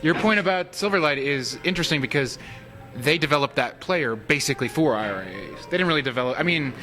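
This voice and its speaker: A man's voice: a little high, lively intonation, quick pace, pushed and bright, soft background music. Rambling man in casual chat. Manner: loose, rambling with fillers.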